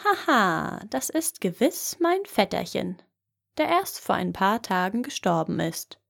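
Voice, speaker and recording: A woman's voice: medium pitch, very animated, a little slow, creaky, heavily acted. A woman doing a cocky fearless young man. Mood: cheerful. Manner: bold, offhand and unimpressed.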